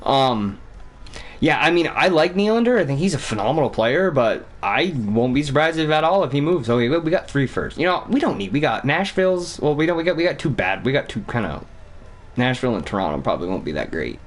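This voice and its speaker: A young man from Vermont streaming a hockey game, chatting casually and thinking out loud with some cursing. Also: medium pitch, very animated, fairly quick. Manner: rambling, cussing, thinks out loud. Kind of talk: casual gaming commentary.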